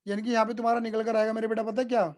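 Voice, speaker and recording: A man's voice: sits high, flat delivery, racing, darkish tone. A man teaching accounting in a casual live class, repeating points and often checking whether students follow. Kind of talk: live online class explanation.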